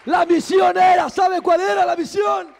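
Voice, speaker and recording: An evangelist man preaches at a live church service, his voice very high and gravelly. He shouts his exhortations, peppering them with "aleluya", while a faint congregation murmurs behind him. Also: fairly even intonation, unhurried, some chatter behind. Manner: swings between shouted exhortation and quiet storytelling, frequent "aleluya". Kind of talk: sermon.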